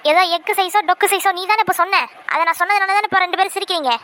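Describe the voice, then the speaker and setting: A woman voicing a stern, quick-tempered village mother in a cartoon, nagging and scolding her daughters. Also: very high-pitched, fairly even intonation, a bit bright.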